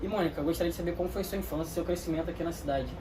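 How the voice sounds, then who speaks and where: A man hosting an interview show, introducing his guest and asking questions in a brisk, welcoming way. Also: a little high. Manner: brisk, welcoming presenter delivery. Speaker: interview host. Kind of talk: channel host introduction and questions. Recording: distant mic with noise.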